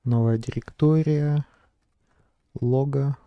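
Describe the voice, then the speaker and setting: A man's voice: mid-range voice, fairly even intonation, slow, no room sound, lo-fi sound. A man narrating his screen as a vlogger, thinking aloud in a hesitant way with many fillers. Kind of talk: casual screen-recording narration.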